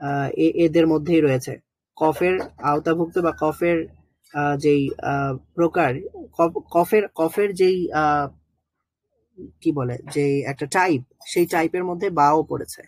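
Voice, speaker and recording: A teacher gives an online lesson. The teacher talks patiently, hesitates often and slowly sounds out letters and syllables one by one. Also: mid-range voice, dry recording. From Bangladesh. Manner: hesitant with frequent drawn-out fillers. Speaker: Quran recitation teacher.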